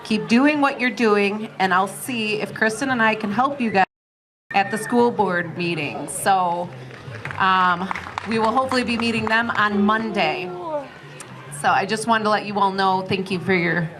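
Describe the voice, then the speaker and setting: A woman's voice: mid-range voice, moderate pace. An American woman hosting an event, making informal announcements to an audience. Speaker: event host. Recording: live event, audible crowd and noise.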